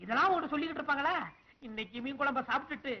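A greedy, chatty village conch blower, rapid and high, dull old film audio. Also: male voice. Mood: cheeky. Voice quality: brash, comic.

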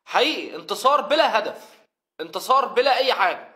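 Fast, bright-voiced Egyptian man ranting. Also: high voice. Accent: Egyptian Arabic. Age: middle-aged. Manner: animated, mimics imagined players and fans. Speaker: football fan commentator. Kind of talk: emotional fan video rant.

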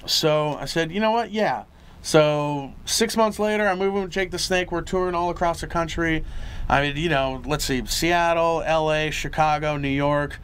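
Guest comic from Texas, male, slightly high voice, eager and chatty. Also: moderate pace, fairly bright tone, smooth. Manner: eager and chatty, many fillers. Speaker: guest comedian. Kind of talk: interview chat.

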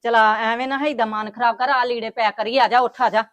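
A woman's voice: a little high, fairly even intonation, brisk, fairly bright tone, dry recording. A woman playing a grandmother, talking in a coaxing, consoling way in a family web drama.

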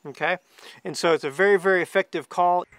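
A man's voice: sits high, fairly even intonation, fast, a bit bright, dry recording. A man around his forties from the United States, giving an informal how-to talk as a hunting instructor. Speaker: duck hunting guide and calling instructor. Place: outdoors among trees, seated.

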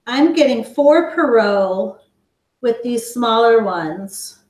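Woman, kids cooking teacher, slow explanatory talk, higher voice, roomy kitchen echo. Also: expressive, a little mellow. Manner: chatty, slow and explanatory, talks to viewers as guys. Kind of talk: live online cooking lesson. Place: home kitchen.

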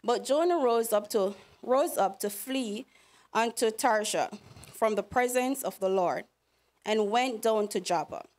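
A woman's voice: medium pitch, darkish tone. A woman leading a church service, announcing a hymn and reading scripture with a few slips, heard from a podium mic in a sanctuary. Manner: measured reading with small slips. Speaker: service leader.

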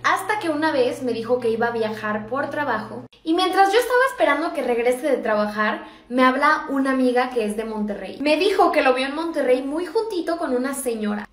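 A young Mexican woman chatting in slangy, casual vlog style while doing her makeup. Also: sits high. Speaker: vlogger. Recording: echoey room.

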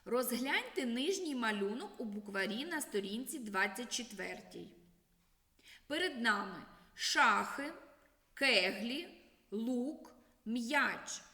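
A woman with a high voice leads a children's literacy lesson at an unhurried pace. Her sing-song teacher delivery swoops up and down. The recording has a roomy, echoing sound with a long reverb tail. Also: expressive, pushed and bright. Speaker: primary school teacher. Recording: echoey room with long reverb.

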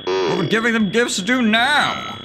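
Excitable young man with a very animated voice. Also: sits high, measured pace, creaky, over music. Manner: excitable, exclaiming, swearing, playful silly wordplay. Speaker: video game streamer. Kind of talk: horror game let's play commentary.

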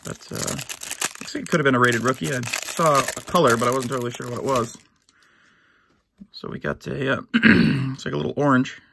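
A middle-aged American man opens a box of sports cards for his channel in his home basement, giving casual box-break commentary. He rambles easily with lots of fillers and restarts, sounding a little hoarse and clearing his throat now and then. His mid-range voice is fairly quick with a sharp tone.

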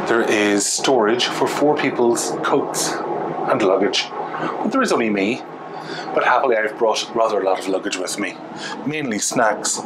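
A man's voice: lowish voice, noisy background. Wry man vlogging in a ship cabin. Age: 40s. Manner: wry, dry sarcastic humour. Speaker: travel vlogger. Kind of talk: casual vlog room tour. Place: small ship cabin, indoors. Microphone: handheld camera at arm's length with small mic.

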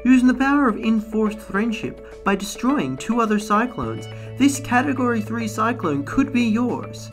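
A woman's voice: a little high, lively intonation, normal speed, hardly any pauses, music in the background. A woman presenting a parody infomercial with mock-salesy, scripted patter.

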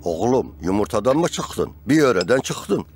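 A man's voice: mid-range voice, big pitch swings, normal speed, lightly acted. A man in his sixties playing a grumpy, disapproving old village grandfather in a TV comedy-drama, blunt and scolding. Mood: suspicious. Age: 60s.

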